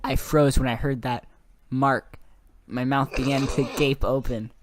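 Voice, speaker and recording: A man's voice: medium pitch, little pitch movement, a little slow, a little hiss or hum. A man reading his own story aloud, often breaking into giggles.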